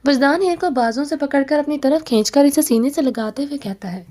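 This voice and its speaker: A young woman reading a romance novel aloud as an audiobook narrator, steady and storytelling, with occasional restarts. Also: high-pitched.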